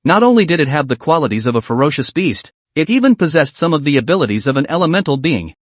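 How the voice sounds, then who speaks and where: Lively male recap narrator, dry sound. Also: a little high, quick pace, dry recording.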